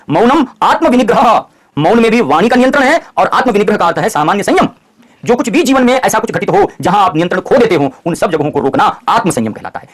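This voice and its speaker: A man delivers a quick, animated scripture discourse, reciting verses and then explaining them line by line. His voice sits fairly high and has a husky edge. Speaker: scripture teacher.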